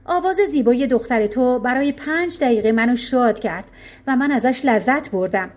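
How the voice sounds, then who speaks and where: A woman doing a calm, shrewd old king. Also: a little high, natural voice. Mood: polite lecture. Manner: calm, polite, gently ironic.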